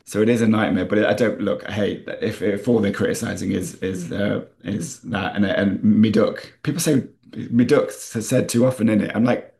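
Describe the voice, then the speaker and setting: Deep-voiced Nottinghamshire man, animated. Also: gravelly. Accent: North Nottinghamshire. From Nottinghamshire, England. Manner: enthusiastic, fast, many restarts and repeated words. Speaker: playwright and TV screenwriter guest. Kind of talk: casual interview chat.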